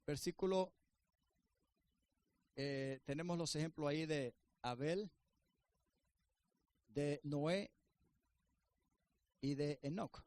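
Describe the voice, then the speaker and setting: High-voiced man preaching a sermon. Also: takes it slowly, pauses often. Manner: preaching with emphatic rises and soft asides. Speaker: pastor.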